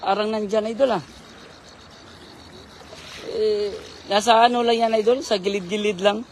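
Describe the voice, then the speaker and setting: Hoarse man live-streaming at night. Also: sits high, steady tone, normal speed, slight background noise. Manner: spells names out letter by letter for viewers. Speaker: live-stream fishing vlogger and commentator. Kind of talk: casual live-stream commentary with shout-outs. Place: outdoors at night by the water.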